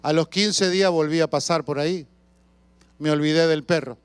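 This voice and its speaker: A man preaching a sermon as a pastor, telling stories with shouts and sound effects and asking the congregation questions. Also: on the high side, fairly even intonation, normal speed, clean tone, no room sound. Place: church.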